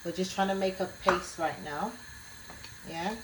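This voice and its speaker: In her home kitchen, a Jamaican woman gives a cooking tutorial in a fairly low, steady voice, moving a little slowly. Her chatty "yeah?" follows most of what she says, and some background noise comes through.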